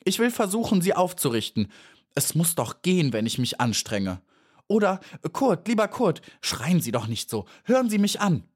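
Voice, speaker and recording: Maja, a man doing a high little bee girl. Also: very animated, moderate pace, breathy edge, full character voice. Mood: urgent. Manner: high, pleading, earnest. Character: little female bee, young, kind and eager.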